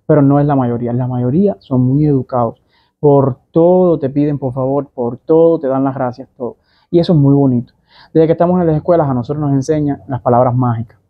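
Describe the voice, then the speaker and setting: A man's voice: medium pitch, dry recording, narrow, tinny audio. A young man with a Cuban Spanish accent, talking casually to camera as a vlogger and explaining things with many asides and examples. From Cuba.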